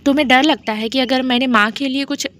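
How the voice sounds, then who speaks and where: A woman doing a lively teasing young heroine. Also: high-pitched, fairly quick. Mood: playful. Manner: playful, exclamatory.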